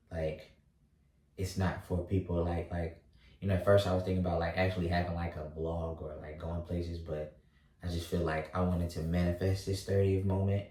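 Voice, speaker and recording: A thirty-year-old man vlogging, talking slowly through his thoughts with lots of fillers and restarts. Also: deep voice, mellow, recorded from a distance. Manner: halting, many fillers and restarts. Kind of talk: reflective casual monologue. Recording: roomy echo, voice set back from mic.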